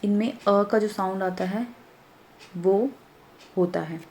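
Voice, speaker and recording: A woman teacher giving a children's grammar lesson, explaining slowly, repeating points and checking understanding as she goes. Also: mid-range voice, a little mellow, a little hiss or hum.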